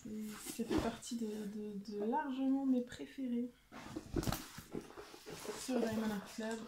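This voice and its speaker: A young woman chatting excitedly as she unboxes a craft kit at home, often stumbling and repeating words. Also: fairly high pitch, slow pace, noisy background. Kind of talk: casual unboxing chat. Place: home with a washing machine running.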